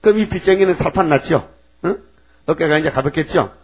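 Man, pastor, sermon, animated storytelling, rhetorical questions, solemn scripture reading, muffled lo-fi recording. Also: on the high side, breathy edge. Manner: reads scripture slowly and solemnly.

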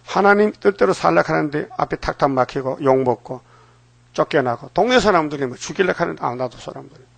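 A man's voice: a little high, expressive, quick pace, gravelly, dry recording. An older man preaching a sermon, firing rhetorical questions at the congregation and acting out quoted voices. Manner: dramatic, acts out quoted voices. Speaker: pastor.

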